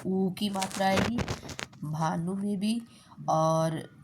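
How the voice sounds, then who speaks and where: A woman's voice: medium pitch, steady tone, background noise. Patient woman teaching children. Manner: patient, repeats words slowly, says "theek hai" often. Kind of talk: Hindi spelling lesson for children.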